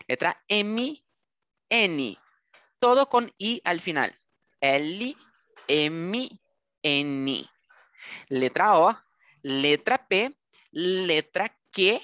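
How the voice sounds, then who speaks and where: A Brazilian woman teaching an online language lesson with a Brazilian Portuguese accent, slowly demonstrating sounds letter by letter and often checking in. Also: low-pitched, fairly bright tone, no echo. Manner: slow, drawn-out letter-by-letter demonstrations with frequent checking "Ok?".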